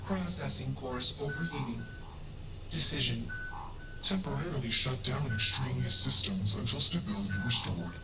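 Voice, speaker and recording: An actor playing a damaged ship computer AI that talks in computer processing labels, plain and literal. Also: male voice, medium pitch, normal speed, gravelly, far from the mic, lightly acted, rough recording. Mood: alarmed. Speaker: game character. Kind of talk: video game voice acting. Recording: game audio from afar with music.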